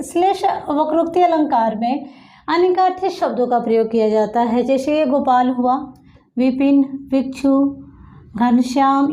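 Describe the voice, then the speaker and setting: Slow, high-voiced woman teacher. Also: warm tone, dull audio. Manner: slow, explains each quoted line word by word. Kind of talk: exam-prep grammar lesson.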